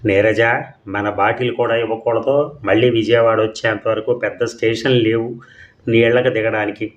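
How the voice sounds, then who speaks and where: A man reading as a cheery, loud middle-aged husband in an audio storybook, happy to chat with strangers and help anyone around him. the voice sits a little low, and the tone stays warm-hearted and well-meaning. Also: little pitch movement, moderate pace, highs cut off, natural voice. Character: kind, sociable middle-aged husband who helps everyone.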